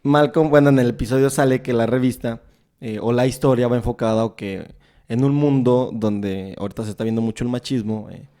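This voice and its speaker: Un hombre con acento mexicano que conduce un pódcast y conversa de forma casual, contando escenas con muchas muletillas. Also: male voice, medium pitch, fairly even intonation, a little fast, warm tone. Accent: Mexican Spanish. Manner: chatty, retells scenes at length with filler words. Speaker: podcast host interviewing a guest.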